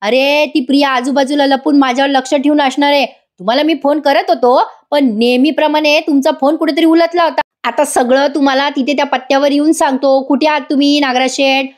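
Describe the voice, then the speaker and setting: A woman voicing a hot-tempered, mocking male villain who shouts orders at his henchmen, in a voice-over retelling of a TV serial scene. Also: high voice, fairly even intonation, brisk, few pauses, pitched above the performer's own voice, lightly acted. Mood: scheming.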